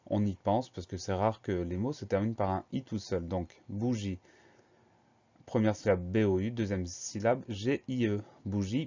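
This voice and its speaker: A man giving a slow, step-by-step spelling lesson, spelling words letter by letter. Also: fairly low pitch, warm tone. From France. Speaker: spelling teacher. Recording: dull lo-fi recording.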